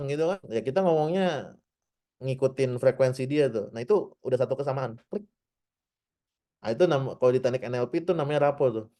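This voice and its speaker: A man's voice: medium pitch, mellow. A man in his thirties teaching a casual online marketing class, chatty, often tagging his points with little checks and acting out short example dialogues. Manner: frequent "ya" tags, addresses "teman-teman". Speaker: digital marketing trainer.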